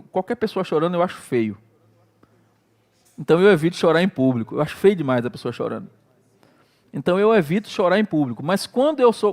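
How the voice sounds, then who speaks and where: A middle-aged Brazilian man preaching a sermon, his voice set high for a man. He talks in a loose, storytelling way and acts out his own prayers and exclamations. His Brazilian Portuguese accent is clear throughout. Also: darkish tone. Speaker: pastor.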